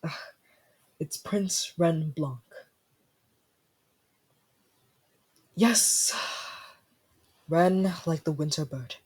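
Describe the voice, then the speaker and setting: For a fantasy audio roleplay, an actor plays a proud young ice prince with a tsundere temper, haughty, prickly, formal and easily flustered. His husky, mid-pitched, darkish voice moves slowly and coldly, indignant and dramatic with theatrical sighs.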